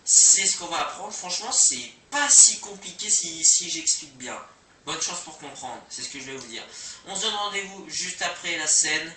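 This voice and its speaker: A young man talks through a coding lesson in a loose, slangy way, full of fillers and self-mockery. His voice is bright and sharp, with lively pitch swings. It sits far from a cheap mic in a roomy, echoey space. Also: normal speed, a little hiss or hum. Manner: slangy, rambling, self-deprecating, many fillers. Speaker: coding tutorial host. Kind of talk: casual screen-recorded coding lesson. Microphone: cheap microphone. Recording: poor mic, echoey room, distant.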